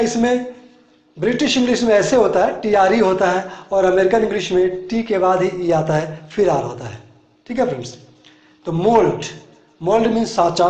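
A man teaches an English lesson in an echoey classroom, and his voice sits high. He explains the words one at a time and says each one again, slowly. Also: a little mellow.

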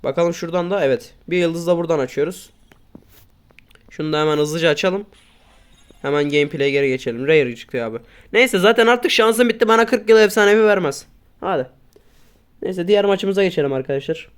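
A man doing casual gameplay commentary, grumbling and swearing at his teammates, then breaking into sudden loud outbursts. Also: on the high side, expressive, fairly quick, clean tone. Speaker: gaming YouTuber.

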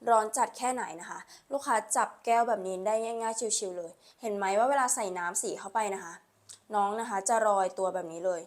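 A woman speaks as a live-stream seller in a mid-pitched voice. She delivers a hard sell, repeating her selling lines and urging listeners along, with polite particles closing most phrases. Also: a little fast.

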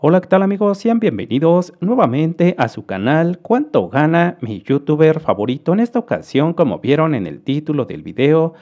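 A man's voice: fairly high pitch, sing-song, moderate pace, hardly any pauses, darkish tone, dull audio. A man from Mexico with a Mexican Spanish accent, hosting a screen-recorded commentary and explaining figures to viewers in a friendly way. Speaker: host.

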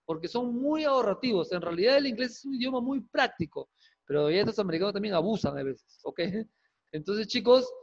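A man teaching an English class online, lively and coaxing, quizzing students with quick questions and jokes. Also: sits high. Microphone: video call. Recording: dull lo-fi video call audio.

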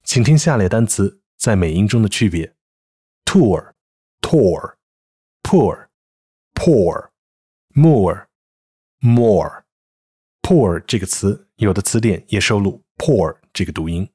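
Male language teacher, lively intonation, measured scripted lesson delivery. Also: fairly low pitch. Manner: clear, measured explanation with slow example words. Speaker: English pronunciation teacher.

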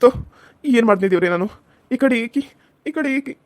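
A woman's voice: a little high, animated, brisk, a little mellow, dry recording, close to an everyday voice. A woman voicing a meek, desperate young male farmer in a cartoon serial, pleading and helpless. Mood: distressed. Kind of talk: cartoon voice acting.

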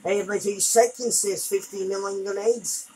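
A woman's voice: mid-range voice, steady tone, normal speed, mellow, a little hiss or hum, poor audio. A woman commenting on her gameplay as she plays, frustrated, exclaiming and cursing at the game. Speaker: gamer.

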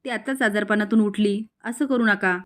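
A woman's voice: mid-range voice, steady tone, normal speed, close to an everyday voice. A woman voicing a firm daughter-in-law who sternly pleads with an elder. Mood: stern pleading.

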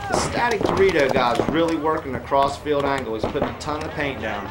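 A man's voice: mid-range voice, a little fast. A man calling play-by-play for a paintball match, describing moves as they happen. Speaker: paintball commentator. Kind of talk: sports commentary. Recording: loud outdoor noise.

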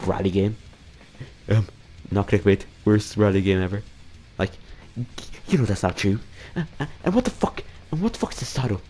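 A low-voiced man rambles through a casual year-in-review vlog as its host. He swears freely, keeps mocking himself, and tacks "dude" onto almost every line. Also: animated, normal speed, warm tone, a little hiss or hum. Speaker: channel host.

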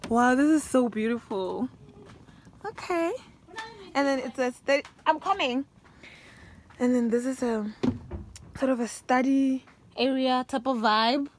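Softly spoken young woman touring a lodge. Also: high voice, a little slow, long pauses, slight background noise. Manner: chatty, easily delighted, gushing. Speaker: vlogger. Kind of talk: casual house-tour narration. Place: holiday lodge, indoors. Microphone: handheld phone camera.

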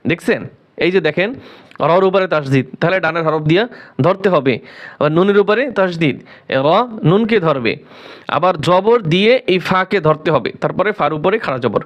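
A man teaching Quran recitation, spelling out each word syllable by syllable and then chanting it slowly. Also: high voice, expressive, dull audio. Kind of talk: slow letter-by-letter recitation lesson.

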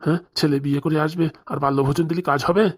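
A woman's voice: low-pitched, fairly even intonation, rapid-fire, breathy edge. A woman voicing a meek, henpecked old village husband in a comic cartoon, placating and backpedaling.

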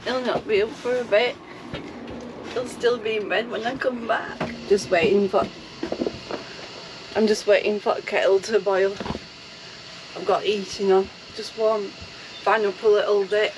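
A woman's voice: mid-range voice, steady tone, measured pace, pauses often, noisy background. A woman, chatting casually to camera as a vanlife vlogger, talking to her dogs and viewers. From England. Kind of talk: casual vlog chat. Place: inside a motorhome, then outdoors on a seafront promenade.

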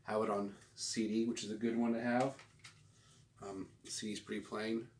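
With a fairly low, darkish voice and a flat delivery at normal speed, a man in his forties hosts his record collecting channel, rambling through a laid-back, slangy show-and-tell vlog to camera. He's in a small room at home, recorded on a roomy, distant mic with clear background noise.

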